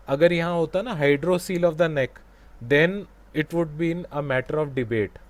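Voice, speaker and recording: An unhurried male teacher with an Indian English accent leads an online exam class. He switches between Hindi and English and stops often to quiz his students. He speaks over a video call. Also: on the high side. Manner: slow, mixes Hindi and English, quizzes students.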